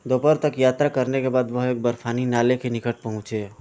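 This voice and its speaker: A man reads out a comic adventure in steady storyteller fashion, voicing each character himself. His voice is smooth and clean, sitting in an ordinary middle register. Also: mid-range voice, brisk. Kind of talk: dramatic audio narration of a comic book.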